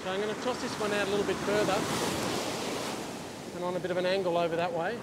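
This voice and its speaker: Standing on an open ocean beach, this middle-aged Australian man talks quickly to camera as a fishing instructor and vlogger, keeping his teaching relaxed and casual. His voice is high for a man, and surf, waves and wind are loud behind him.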